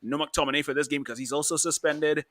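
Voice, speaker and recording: A man's voice: on the high side, fairly even intonation, fast, fairly bright tone, no room sound, studio quality. A man in his thirties co-hosting a casual football chat, rambling with restarts and laughing easily. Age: 30s. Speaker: podcast co-host.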